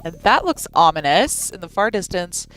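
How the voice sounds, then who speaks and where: Sleep-deprived young woman, animated game commentary. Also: fairly low pitch, moderate pace, low-quality recording. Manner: wry, playful asides. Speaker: game streamer. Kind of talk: casual game commentary with reading aloud. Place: indoor room. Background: game music.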